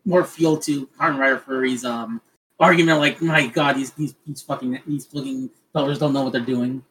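A man's voice: medium pitch, steady tone, fairly quick, a bit bright, a little hiss or hum, rough recording. A man on a casual podcast, stammering and repeating words while he jokes, swearing freely. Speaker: podcast guest.

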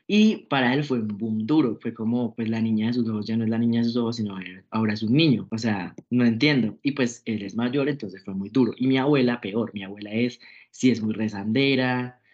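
A young Colombian man speaks as an interview guest in a middle-pitched voice, talking in a loose, chatty way with lots of fillers. His delivery is lively and personal. The recording is a little dull and lo-fi. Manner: chatty, filler-heavy, expressive. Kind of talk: casual storytelling interview.

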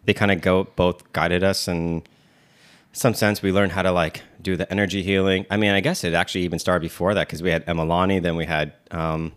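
A man with a very deep voice talking in a level, unvaried way. He co-hosts a relaxed chat and rambles, stopping and restarting his sentences with lots of "um" and "like." He sounds like he's in his thirties. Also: fairly quick, clean tone. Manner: rambling, many fillers and restarts. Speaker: podcast co-host. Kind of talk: casual chat.

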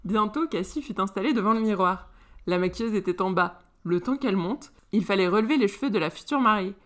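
A woman reading a romance novel aloud in a lively, animated way. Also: medium pitch, a little fast. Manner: lively, animated, voices all characters. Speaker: narrator.

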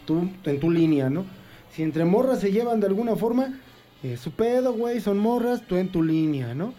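A man's voice: sits high, expressive, moderate pace, warm tone. A man, co-hosting a podcast in slangy, crude, joking banter. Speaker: podcast co-host.

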